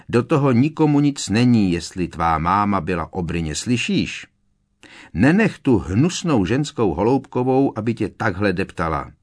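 A man voicing a fiery, indignant teenage schoolgirl who talks in an agitated, raised voice. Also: fairly low pitch. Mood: pleading.

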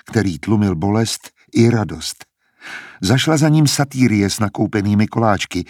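Husky, low-voiced male audiobook narrator, measured, dry close recording. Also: dry recording. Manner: calm, measured storytelling. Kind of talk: scripted narration.

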